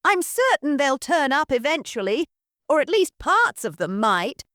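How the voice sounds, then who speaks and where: A woman voicing a sinister, smooth-talking male aristocrat who purrs menacing politeness. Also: high voice, sing-song, unhurried, fairly bright tone, dry recording, clean studio sound, pitched above the performer's own voice, heavily acted.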